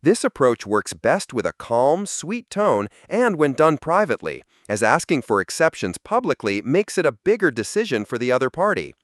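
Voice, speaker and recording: A man reading a scripted explanation in an even, explanatory delivery. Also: mid-range voice, normal speed, few pauses, no room sound, studio quality. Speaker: narrator. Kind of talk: scripted narration.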